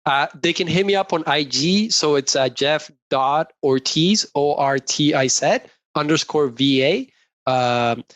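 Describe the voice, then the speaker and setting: A man's voice: a little high, unhurried, a bit bright, no echo. Upbeat chatty young man from Colombia. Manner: upbeat, chatty, laughs often. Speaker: guest, real estate investor. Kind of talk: casual interview chat.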